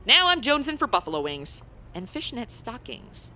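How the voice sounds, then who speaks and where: A woman's voice: fairly high pitch, big pitch swings, moderate pace, sharp tone, exaggerated voice. An actress playing a flippant modern young American woman stranded in the past, in a comedy audio drama. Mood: blasé.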